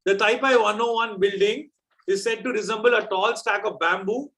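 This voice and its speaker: A man with a high voice and a South Indian accent works as a quiz host. He chats and teases as he goes, explaining things off the cuff. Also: normal speed, fairly bright tone, slight background noise.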